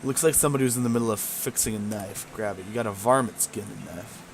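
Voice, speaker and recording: A man's voice: on the low side, quick pace, slight background noise. A man playing a video game, reading its text aloud and adding casual, muttered asides. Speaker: let's play gamer.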